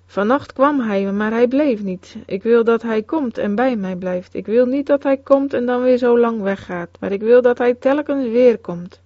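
A frightened, devout old mother pleading about her soul, as a woman reader gives her lines. The voice sits fairly high and sounds dry and a little dull, as from a close, muffled recording. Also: moderate pace, few pauses, dry recording, natural voice. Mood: longing. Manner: pleading, sorrowful quoted speech.

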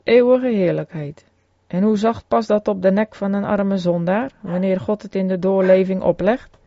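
A man reading an old sermon aloud as a preacher, in a solemn, earnest and measured way. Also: mid-range voice, dark tone, dry recording, muffled recording.

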